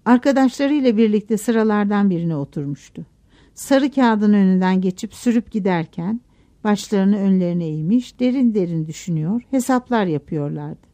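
A woman narrating a novel aloud in a measured, expressive audiobook reading. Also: medium pitch.

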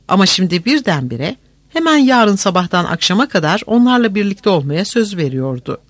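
Expressive audiobook narrator, dry close sound. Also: mid-range voice, no room sound. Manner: measured, expressive storytelling. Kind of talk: scripted narration of a novel.

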